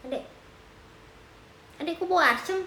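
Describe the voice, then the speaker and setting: A young Indonesian woman chatting on a phone livestream with a high voice. She talks at an unhurried pace and drops into cooing baby talk for her cat. A faint hiss sits under her voice. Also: sharp tone. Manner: coos and baby-talks to her cat, reads chat aloud. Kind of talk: casual live stream chat.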